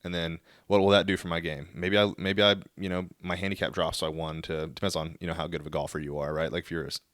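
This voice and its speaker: A man's voice: low-pitched, flat delivery, quick pace, a bit bright, dry recording, studio quality. A man co-hosting a podcast, talking earnestly and rambling through his thoughts. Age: 30s. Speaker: podcast co-host, golf fitness coach. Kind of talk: casual podcast chat.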